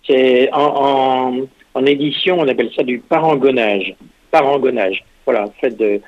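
A man, a composer, takes part in a radio interview over the phone, and the phone line makes him sound thin and tinny. His voice has a husky edge. He explains his ideas slowly, pausing and restarting as he thinks them through. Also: mid-range voice. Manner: thoughtful, halting explanations. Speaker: composer and guest.

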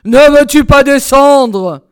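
A woman voicing a cruel, hard-hearted nobleman who shouts his threats slowly and loudly. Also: medium pitch, dry recording, studio quality, close to an everyday voice. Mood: menacing shouting.

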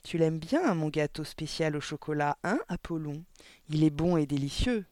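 A man's voice: a little high, normal speed, a little mellow, dry recording, natural voice. A man reading a storybook aloud, voicing a cruel, furious woman headmistress who bellows insults at a pupil. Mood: mock-sweet.

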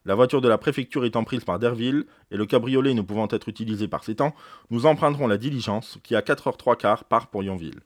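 A man reading aloud as a brisk, authoritative police commissioner giving orders. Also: medium pitch, dry recording, studio quality, natural voice. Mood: commanding.

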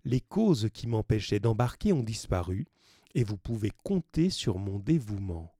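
A man reading the part of an ambitious ship's mate, earnest and flattering. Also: on the low side, a little slow, dry recording, studio quality, heavily acted.

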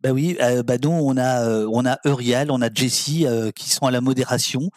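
A man hosting a talk show, speaking in a relaxed, chatty way with lots of fillers. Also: mid-range voice, normal speed, dry recording, clean studio sound. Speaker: host. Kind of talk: casual talk-show chat.

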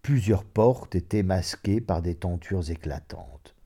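A man narrating a classic short story in an expressive, measured reading. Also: low-pitched, husky.

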